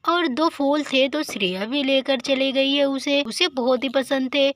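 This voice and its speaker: A woman telling a village doll story in Hindi, chattering to herself in a lively, homely way. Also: sits high, unhurried, no echo, studio quality. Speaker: storyteller voicing all the dolls. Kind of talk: Hindi doll story narration with character voices.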